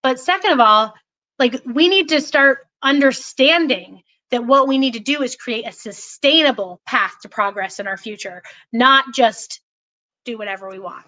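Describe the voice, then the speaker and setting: A woman's voice: high voice, normal speed, sharp tone, low-quality recording. A woman in her forties, a political candidate talking passionately in a podcast conversation, emphatic and full of restarts.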